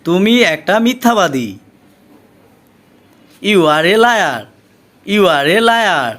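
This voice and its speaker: A man with a Bengali accent teaching English, reading each short phrase twice, slowly and deliberately. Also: high voice, sing-song, fairly bright tone. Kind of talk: slow repeated phrase drills for learners.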